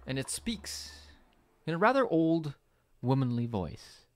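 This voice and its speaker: A man narrating a tabletop game as game master, slow and relaxed with ums. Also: medium pitch. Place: home, online session.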